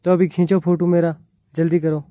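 Young male vlogger, pushy and teasing, high mellow voice, casual banter. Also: little pitch movement, brisk, no room sound, clean studio sound. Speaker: vlogger pulling a prank. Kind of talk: casual prank vlog banter. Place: outdoors by the road with motorbikes.

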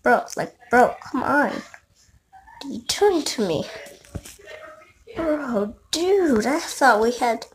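A woman giving chatty, excitable commentary while playing a video game and talking back to it. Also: high voice, slow, pauses often, a little hiss or hum. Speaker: gameplay video creator. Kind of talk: casual gameplay commentary. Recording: loud game music behind the voice. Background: game music.

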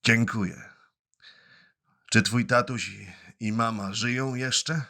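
A man voicing a gruff, hoarse, bearded giant who runs a puppet show, loud and given to sneezing. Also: fairly even intonation, takes it slowly, heavily acted. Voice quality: hoarse, booming. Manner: loud shouting orders, sneezes.

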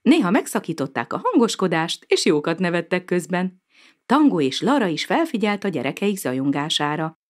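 Lady reading a kids' story, lowish voice that swoops a lot, sing-song. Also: big pitch swings. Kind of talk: children's storybook narration.

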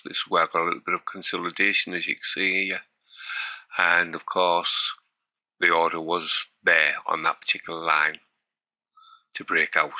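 A man's voice: sits low, creaky, bright, forceful tone, dry recording, poor audio. A man with a Teesside accent talks casually through a practice trade on screen. He sounds a bit unsure and often stops to restart a sentence. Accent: Teesside English. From North East England. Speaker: hobby forex trader.

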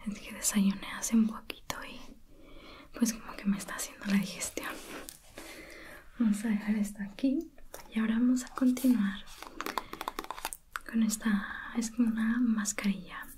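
A woman whispers softly and breathily as a soothing facial therapist in an ASMR spa roleplay, guiding the listener gently and attentively. Her voice is fairly high with fairly even intonation, and she moves at a moderate pace with long pauses.

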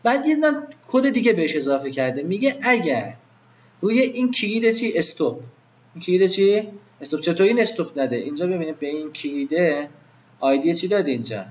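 High-voiced man teaching a class. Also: big pitch swings, darkish tone, muffled recording. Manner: informal, questions the class and answers himself. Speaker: web design teacher. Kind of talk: live classroom lesson.

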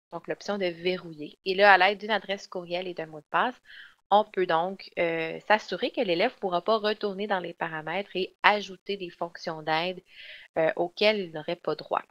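A woman, presenting software in a webinar and explaining step by step with frequent fillers and restarts. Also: lowish voice. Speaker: software trainer. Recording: dull lo-fi online webinar audio.

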